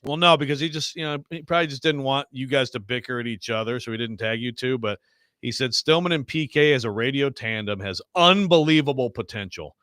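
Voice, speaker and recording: A man's voice: medium pitch, brisk, a bit bright, no echo, studio quality. A man hosting casual sports talk radio, wordy and often interrupting himself.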